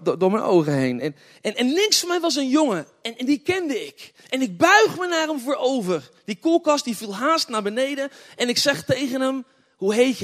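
High-voiced preacher in a hall. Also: male voice. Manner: storytelling with laughter, swinging between hushed and loud. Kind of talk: humorous testimony sermon. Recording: long hall reverb.

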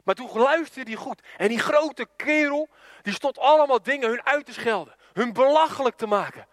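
A man preaching, retelling a story in an animated, chatty way with casual asides to his listeners. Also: very high-pitched, moderate pace, no echo, clean studio sound. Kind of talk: storytelling sermon.

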